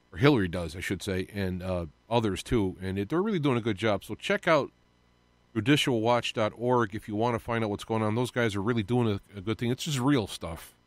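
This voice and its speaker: Low-voiced man rambling on live radio. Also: no echo. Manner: rambling, full of fillers and restarts, confiding. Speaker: radio show host.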